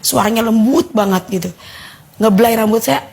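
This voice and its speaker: A woman with a Betawi Jakarta accent giving a casual personal testimony, telling her story in a lively way and acting out the voices of others. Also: fairly high pitch, moderate pace, creaky, slightly rough. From Jakarta, Indonesia. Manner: animated storyteller who acts out quoted voices. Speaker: guest giving a faith testimony.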